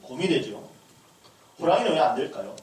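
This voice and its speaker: A man's voice: on the high side, big pitch swings, brisk. A male pastor giving a humorous lecture to a class, acting out little dialogues as he teaches. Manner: humorous, acts out dialogue lines. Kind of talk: lecture to a leadership school class. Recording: echoey room, distant mic, faint noise.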